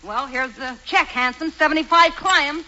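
A woman's voice: high voice, moderate pace, bright, forceful tone, dull audio. An actress playing a brassy, wisecracking showgirl in a 1940s radio comedy, talking in street slang. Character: brassy showgirl woman, Alan's ex-wife. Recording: scratchy old radio broadcast with hiss.

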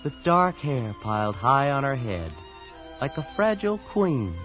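A man's voice: mid-range voice, sing-song, a little slow. An actor playing a wide-eyed young man from a small town who tells his own story in an earnest, awed, shy way, in an old radio drama. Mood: reflective. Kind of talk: 1940s radio acting with first-person narration. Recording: muffled old radio recording with music behind.

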